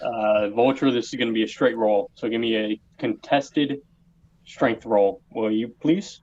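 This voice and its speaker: A man's voice: medium pitch, darkish tone, highs cut off. A man acting as game master, narrating a tabletop game in an easygoing way with many fillers. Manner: slow, easygoing, hesitant with fillers.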